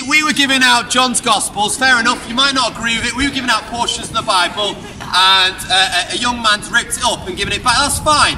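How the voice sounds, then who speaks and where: A British man in his thirties with an extremely high-pitched voice preaches loudly on an outdoor pedestrian shopping street, firing rhetorical questions at passers-by. Unmiked and caught by a distant camera, his voice carries over street ambience and passing people.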